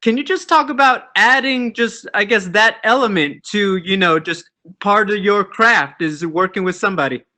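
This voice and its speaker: A man's voice: high voice, moderate pace, pushed and bright. A man working as a sports reporter, asking a question at a press conference.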